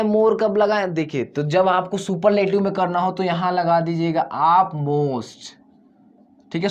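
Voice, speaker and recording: A fairly high-voiced man teaches grammar to his students, asking his own questions and then answering them. He stretches words out slowly and repeats key points, and his voice comes through a dull, lo-fi recording. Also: a little mellow.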